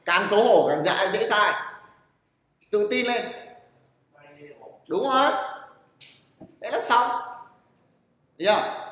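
A man's voice: sits high, animated, takes it slowly, long pauses, fairly bright tone. A man teaching a programming class, blunt and teasing, who keeps checking with his students and calls on them to answer. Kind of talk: classroom lecture. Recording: echoey room with long reverb.

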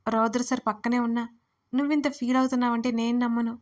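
Whiny young woman friend, quick to tears, pitched a little high, read by a woman. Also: flat delivery, lightly acted. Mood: pleading. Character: young woman friend, tearful and easily teased.

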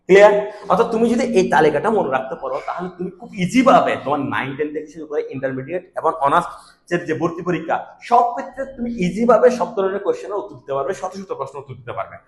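A man's voice: sits high, echoey room. A male teacher giving a grammar lesson for exam students, explaining step by step, repeating examples and checking with his class.

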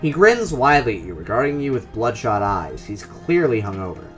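Man, game playthrough host, reading text aloud, animated pitch, casual asides. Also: a little fast, soft background music.

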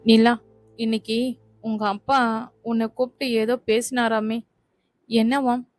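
A woman's voice: a little high, flat delivery, unhurried, no echo, soft background music, natural voice. A woman voicing a smitten young man who worries about losing his sweetheart, read evenly. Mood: anxious. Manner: anxious, eager. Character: young lover Sakthi, anxious and smitten.

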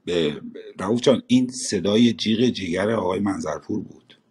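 A man's voice: on the low side, animated, a little mellow. A man in an online voice room speaking persuasively in defense of another speaker. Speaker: voice room participant.

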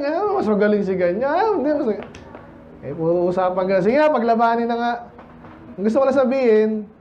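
High-voiced man preaching casually. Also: lo-fi sound, slight background noise. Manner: conversational, quizzes the congregation, mixes in English. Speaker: pastor. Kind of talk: sermon. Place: church service.

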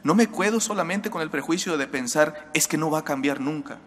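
A man's voice: fairly high pitch, a little fast, a bit bright. A man in his thirties, a priest with a Spanish accent, giving an earnest homily from a church lectern microphone. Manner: earnest, exhorting, direct address to listeners. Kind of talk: homily at daily Mass. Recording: church reverb.

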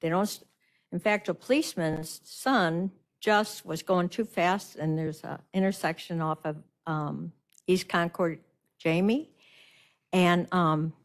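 A woman's voice: on the low side, slow pace. Indignant older woman at a hearing. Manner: indignant, emphatic complaint. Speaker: resident speaking at public hearing. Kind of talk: public comment at a hearing. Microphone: video call.

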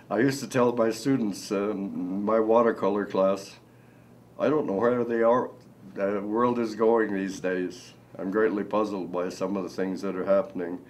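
An older man from Nebraska, an artist talking slowly and haltingly with many fillers in a seated indoor interview. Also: fairly low pitch, fairly even intonation, a little mellow, rough recording. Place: indoor room.

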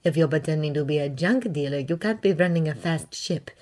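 Narrating fan fiction, a woman takes on the role of a shrewd Mandalorian woman mercenary, dry and knowing, with a matter-of-fact mood. She speaks a little fast in a low, slightly mellow voice close to her everyday one.

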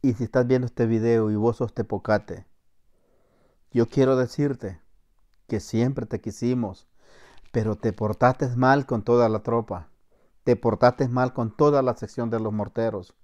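A middle-aged Salvadoran man, a former soldier, telling a story to camera with acted-out shouted commands. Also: mid-range voice, steady tone, measured pace. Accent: Salvadoran Spanish. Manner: acts out shouted commands, laughs, voseo slang.

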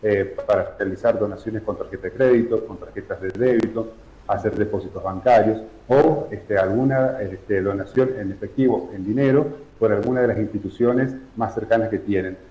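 A middle-aged man from San Juan, Argentina, explaining his charity's work in a remote news interview, measured and full of fillers. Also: lowish voice, mellow. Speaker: charity director guest. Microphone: video call. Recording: echoey room, dull video-call audio.

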